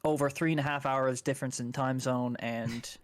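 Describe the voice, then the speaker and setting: A man's voice: medium pitch, steady tone, moderate pace, no echo. Young canadian guy rambling thru a story, casual swearing, dry close mic. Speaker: guest.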